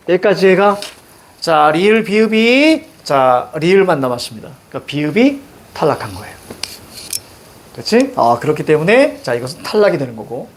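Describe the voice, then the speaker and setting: A man's voice: sits high, a little hiss or hum. A male teacher giving a classroom grammar lesson, questioning students and repeating key words.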